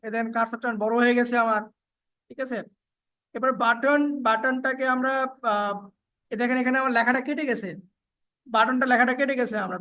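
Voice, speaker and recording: A woman giving a casual, step-by-step software tutorial, with frequent fillers and repeats. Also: a little high. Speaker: video editing tutor. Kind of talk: screen-recorded software tutorial.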